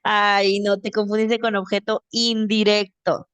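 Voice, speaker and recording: A woman's voice: mid-range voice, flat delivery, a little slow, fairly bright tone, clear, resonant tone, no room sound. A woman teacher with a Mexican accent giving a grammar lesson over a video call, explaining patiently step by step and checking in with her student.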